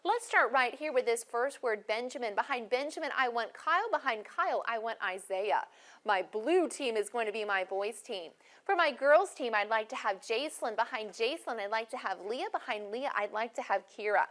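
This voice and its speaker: A woman teaching a first-grade phonics lesson in a classroom, speaking slowly and clearly with encouragement. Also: on the high side, expressive, a bit bright.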